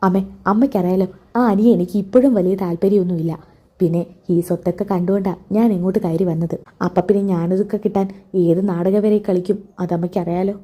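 Greedy sulky young wife, defiant, husky and low, as a woman reads her. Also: steady tone, a little fast, warm tone, lightly acted. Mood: scheming. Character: spiteful young woman, greedy daughter-in-law.

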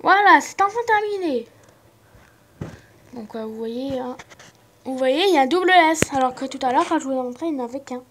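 A woman's voice: high voice, expressive, fairly quick, long pauses, slight background noise, rough recording. A young woman casually commenting on a rhythm game, giggling and poking fun at herself. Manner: giggly, self-mocking, chatty. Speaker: gaming channel host. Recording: game music playing softly behind. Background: faint game music.

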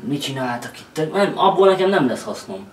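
A man's voice: a little high, very animated, echoey room, distant mic, noisy background. A young man, irritable and snapping back in a casual argument with his father. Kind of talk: casual arguing.

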